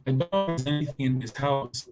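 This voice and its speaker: A man's voice: medium pitch, fairly even intonation, fast talker, music in the background. A man speaking as a guest over a video call from a house, his audio glitching and breaking up. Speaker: guest hairstyling competitor. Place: inside a house.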